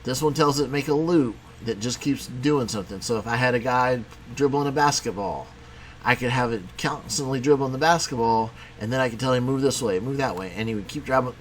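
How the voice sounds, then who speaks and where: A man teaching a programming lesson in a casual, conversational way, talking as he clicks through software. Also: medium pitch, a little fast, slight background noise. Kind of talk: screen-recorded coding tutorial.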